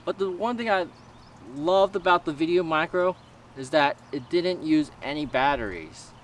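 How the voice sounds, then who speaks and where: A man giving a casual product review in a halting, informal way, stumbling over words now and then. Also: on the high side, lively intonation. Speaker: gear reviewer. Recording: noisy raw camera-mic audio with ambience.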